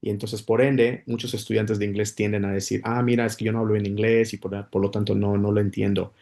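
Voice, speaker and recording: A man's voice: on the low side, level tone, brisk, creaky, darkish tone. A man giving a casual spoken English lesson, explaining patiently with many repetitions and restarts. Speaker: English teacher.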